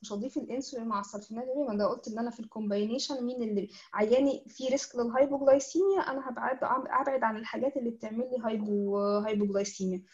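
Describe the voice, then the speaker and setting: A woman's voice: fairly high pitch, very fast, few pauses, a little mellow, slightly rough. A woman with an Egyptian Arabic accent giving a medical lecture over a video call. She explains step by step and often restarts her sentences. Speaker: doctor giving an online lecture. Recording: slightly dull lo-fi call audio.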